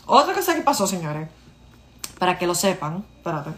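Woman in her 30s, casual storytelling vlogger, animated, speaks straight to her audience. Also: lowish voice, normal speed. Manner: animated, addresses listeners directly, acts out dialogue.

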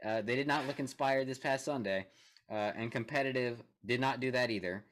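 A man's voice: mid-range voice, fairly quick, a bit bright. A young man co-hosting a casual sports podcast, reading statements aloud with joking asides and frequent laughs. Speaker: podcast co-host.

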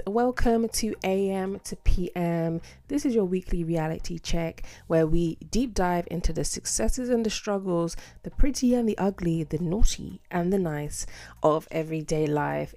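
A British woman hosting a casual solo podcast, with a sassy, theatrical, slangy and expressive way of talking. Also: lowish voice, creaky. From United Kingdom. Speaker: podcast host.

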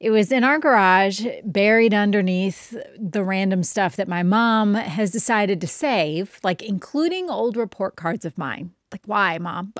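A woman's voice: medium pitch, clean tone, dry recording. Chatty woman with a dry, close sound. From Indiana, United States. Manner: chatty and self-deprecating, often says "like". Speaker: podcast host, art teacher. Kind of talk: casual podcast monologue.

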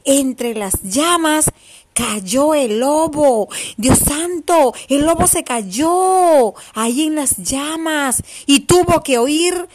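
A woman teacher telling a story to young children, affectionate and exclamatory, speaking to them directly. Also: high-pitched.

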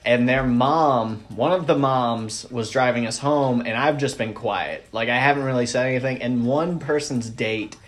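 A man in his twenties hosting a podcast, telling stories casually and jumping into loud acted quotes. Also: medium pitch, normal speed, few pauses. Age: 20s. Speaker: podcast host. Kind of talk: casual interview chat.

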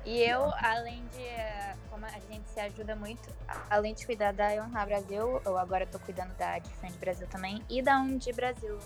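A woman chats casually as a guest in a strong Rio carioca accent, at a middling pitch for a woman. Music plays along with her voice. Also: steady tone, moderate pace. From Rio de Janeiro, Brazil. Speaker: guest, fan page administrator. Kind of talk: casual chat.

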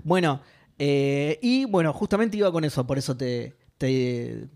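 A young Argentine man co-hosting a podcast, chatting about video games in an animated way, swearing freely and laughing often. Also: mid-range voice, unhurried, gravelly. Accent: Argentine Spanish. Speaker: podcast co-host. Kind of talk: casual gaming chat.

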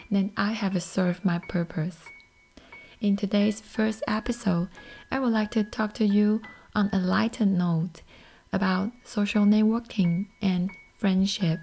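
A Taiwanese woman whose first language is Mandarin hosts a podcast in English with a Taiwanese accent. At a medium pitch, she delivers a scripted monologue in a soft, airy, half-whispered voice.

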